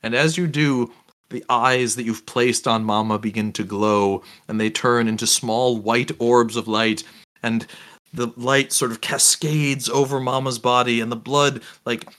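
A man narrating a tabletop game as game master, relaxed and halting, with many fillers and restarts. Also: medium pitch.

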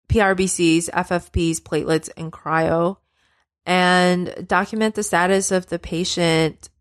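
Lower-pitched woman giving a nursing lecture. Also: fairly bright tone, no room sound, clean studio sound. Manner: instructive, matter-of-fact, direct second-person guidance. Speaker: podcast host, nurse educator. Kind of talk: podcast lecture.

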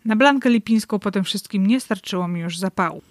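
A woman's voice: mid-range voice, fairly quick, dry recording. A woman giving wry, analytical literary commentary, with dry irony and read-aloud excerpts. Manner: wry, analytical, dryly ironic. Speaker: book reviewer.

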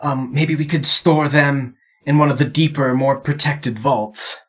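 A man voicing a cautious aunt, hesitant and practical, speaking slowly. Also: mid-range voice, steady tone, breathy edge.

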